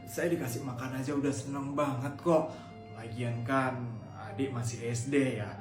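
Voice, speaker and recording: A man's voice: medium pitch, flat delivery, normal speed. A man acting in a comedy skit with a pleading, emotional delivery. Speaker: sketch comedy performer. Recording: echoey room with music behind.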